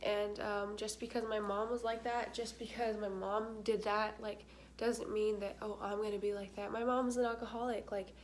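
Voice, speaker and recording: A woman's voice: medium pitch, flat delivery, normal speed, few pauses, slight background noise. A young woman talking candidly to her camera, with a congested nose and short of breath, filling her talk with "like". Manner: chatty, candid, many fillers, stuffy-nosed. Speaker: vlogger.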